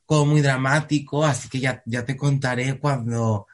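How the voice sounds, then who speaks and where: Speaking at a moderate pace in a mid-range voice, a young actor from Spain chats as a guest in a casual interview. He's animated throughout, with laughter and theatrical outbursts.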